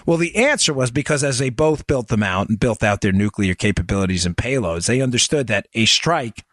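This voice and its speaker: A man's voice: mid-range voice, animated, brisk, fairly bright tone, no room sound, clean studio sound. A man hosting a political talk show, explaining points emphatically to his listeners and often restarting his sentences. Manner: emphatic, talks straight to listeners, frequent restarts.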